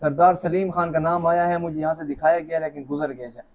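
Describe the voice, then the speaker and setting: A man with a somewhat high, steady voice hosts a live lucky draw, talking briskly against slight background noise. Sitting alone at a camera in an office, he chats, jokes, greets viewers warmly and reads out names in a casual live-stream style.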